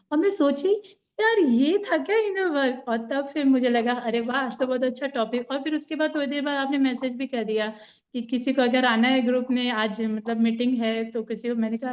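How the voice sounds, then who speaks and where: Woman, higher voice, reflective storyteller sharing on a group call. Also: darkish tone. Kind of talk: casual chat on a group call.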